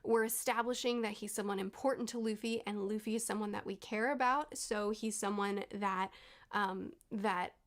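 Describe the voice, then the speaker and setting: A woman reviewing a story in spoken commentary, measured and analytical as she explains things step by step. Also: medium pitch, steady tone. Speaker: video reviewer.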